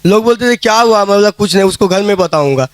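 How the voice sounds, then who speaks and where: A man's voice: sits high, expressive, fast talker, no room sound, soft background music. A man giving a casual spoken testimony at a prayer meeting, telling his story plainly and acting out the dialogue he quotes. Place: prayer hall.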